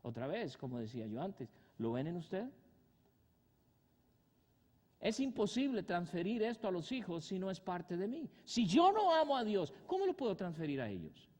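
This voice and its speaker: A male pastor delivers a sermon with a fairly high voice and very lively pitch. He fires rhetorical questions at his listeners, rising loudly and then dropping low. His voice rings out with long reverb through a church hall. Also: fairly quick, few pauses. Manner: animated preaching with sudden loud rises and soft drops.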